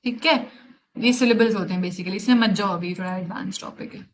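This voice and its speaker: A woman's voice: medium pitch, rough recording. A woman with an Indian accent teaching English grammar in a live online class, explaining in a teasing way. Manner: explains in Hindi mixed with English, slow and teasing.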